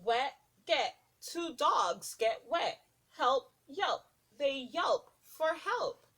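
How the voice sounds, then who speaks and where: A preschool teacher reads a rhyming picture book aloud to little kids, her delivery sing-song, deliberate, and expressive. Her voice sits high.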